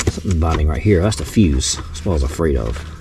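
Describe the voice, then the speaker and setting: A vlogger with an extremely low voice, lively intonation and quick pace demonstrates putting in a car radio. He works inside the vehicle, thinking aloud in a casual, folksy how-to, with clear background noise from the vehicle.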